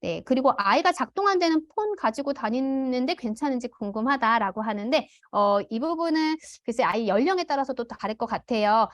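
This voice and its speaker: A woman teaching an online parenting class, calmly explaining and acting out what parents can say to children. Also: sits high, brisk, few pauses, dry recording, clean studio sound. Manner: demonstrates parent phrases aloud. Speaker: parenting educator. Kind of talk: online parent education lecture.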